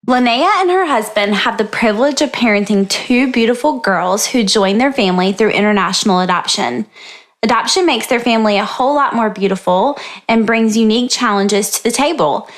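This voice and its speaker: A woman's voice: on the high side, a little fast. A woman co-hosting a casual podcast, joking around with playful asides. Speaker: podcast co-host.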